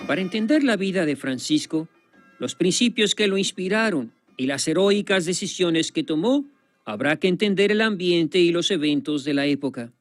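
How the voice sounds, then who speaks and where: A man with a fairly high voice narrates a documentary in a solemn, measured way, pausing for weight. Clear plucked guitar music plays under his studio voice-over. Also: animated, no echo. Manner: solemn, measured, with dramatic pauses.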